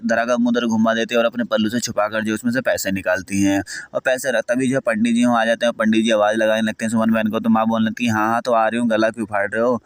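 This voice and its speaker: Fast-talking man recapping a serial. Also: lowish voice, clean tone, no room sound. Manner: retells scenes, quoting characters in his own voice; heavy use of filler phrases. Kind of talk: casual spoken plot recap.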